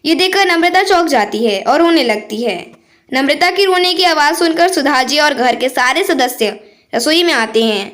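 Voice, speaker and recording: A woman narrating a family moral story in a steady, plain way. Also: high voice, normal speed.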